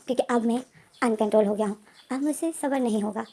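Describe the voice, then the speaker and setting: A woman's voice: on the high side, fast talker, warm tone. Woman voicing a pushy, insistent young man.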